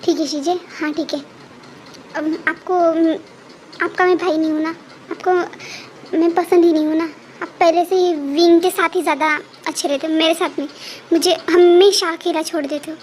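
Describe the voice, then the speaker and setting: A woman voicing a hot-tempered young man who shouts accusations at his brother's teacher. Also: very high-pitched, steady tone, moderate pace. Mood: hurt. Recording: faint background noise.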